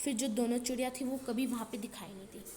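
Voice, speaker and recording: A woman's voice: fairly high pitch, steady tone, fast, warm tone, roomy sound. Hesitant woman explaining a story. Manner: hesitant, frequent filler sounds, restates each line simply. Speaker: teacher. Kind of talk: reading and explaining a textbook story.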